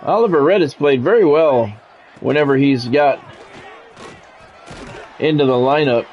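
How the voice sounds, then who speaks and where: Here the gaming streamer mixes play-by-play calls of a football video game with grumbling, wry and at times profane remarks. He has a mid-range voice and a measured pace, and the audio sounds dull.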